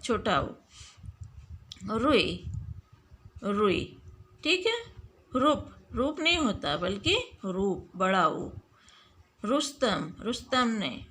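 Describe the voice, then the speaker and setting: A woman's voice: on the high side, pushed and bright. A woman teacher giving a lesson to students, stretching out words and asking quiz-style questions. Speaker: school Hindi teacher. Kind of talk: online classroom lesson.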